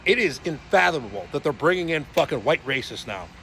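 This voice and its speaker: A man's voice: a little high, expressive, a little fast, noisy background. A man on an indignant, profane rant, sharply condemning what he describes. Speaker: social media commentator. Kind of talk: angry rant.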